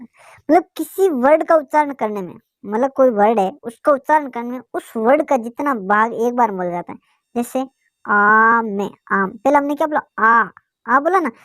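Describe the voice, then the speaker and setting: A woman's voice: high-pitched, no echo, clean studio sound. A woman teaching a basic English lesson, asking questions and answering them herself. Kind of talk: classroom lesson explanation.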